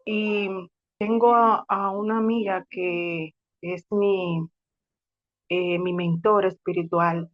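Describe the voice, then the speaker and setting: A woman speaks earnestly and reflectively, giving a personal faith testimony at a middle pitch. The sound is dull and lo-fi, and she now and then stumbles and restarts a word. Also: fairly even intonation, slow.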